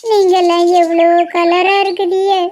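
A sad young village girl, as a woman voices her for a cartoon. Her high voice drags slowly and pleads through tears. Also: level tone, a little mellow, a little hiss or hum. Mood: tearful.

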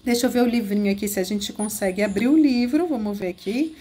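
A woman's voice: medium pitch, quick pace, mellow. A woman with a Brazilian accent hosting a game walkthrough video, gushing and giggling as she coos over cute things. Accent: Brazilian Portuguese. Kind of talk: excited gameplay walkthrough.

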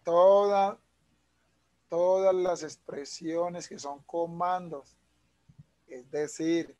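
A man's voice: fairly high pitch, steady tone, very slow, a little mellow. A man, an English teacher explaining punctuation patiently over a video call. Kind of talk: online class explanation.

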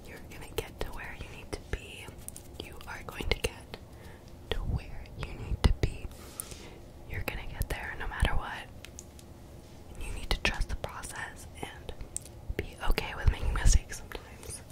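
A woman's voice: moderate pace, poor audio. Young female, fully whispered ASMR, soothing and encouraging, repeats phrases, very close on the mic. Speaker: ASMR video creator. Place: small bedroom, indoors. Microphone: desktop condenser mic, very close.

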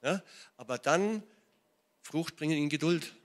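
Animated German man preaching a sermon. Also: fairly high pitch, unhurried. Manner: animated preaching, often checks in with "ne?" and "ja?". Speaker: pastor. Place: church hall.

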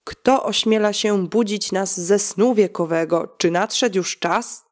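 A woman voicing a giant winged knight in armor, solemn and measured. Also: medium pitch, close to an everyday voice.

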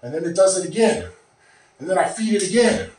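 A winded man in his thirties talks to the camera between sets, rambling and often clearing his throat. His fairly high voice comes from across a bare, very echoey room. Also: brisk, darkish tone, distant mic, a little hiss or hum. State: out of breath. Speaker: fitness vlogger. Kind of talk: casual talk to camera. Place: small home gym room. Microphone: far camera.

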